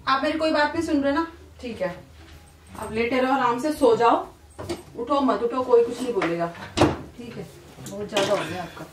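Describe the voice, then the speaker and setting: A woman's voice: a little high, moderate pace, pauses often, very noisy. A woman scolding her husband in a heated argument, repeating the same short question, recorded in a bedroom at home. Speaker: prank video creator. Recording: echoey room, far from mic, music behind.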